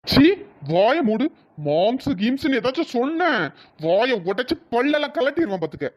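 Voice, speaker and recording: A man's voice: very high voice, very animated, moderate pace, full character voice. A man voicing an irritated young husband in a cartoon, grumbling and snapping. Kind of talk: cartoon voice acting. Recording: dull lo-fi sound.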